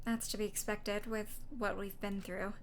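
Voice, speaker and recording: A young woman streaming a game, reading its text aloud in a soft, low-key way with quiet asides. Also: little pitch movement, moderate pace, a little hiss or hum. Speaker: gaming streamer.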